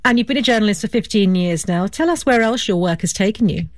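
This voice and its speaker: A woman's voice: mid-range voice, lively intonation, quick pace, no echo, clean studio sound. A woman hosting a live radio programme, introducing guests conversationally with a few fillers. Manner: warm conversational, occasional uh fillers. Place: radio studio.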